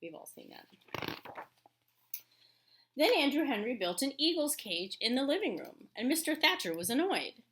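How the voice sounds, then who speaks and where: A woman with a high voice and big pitch swings is an elementary school teacher reading a storybook aloud to children. Between passages she explains things and chats. She often pauses to comment on the pictures.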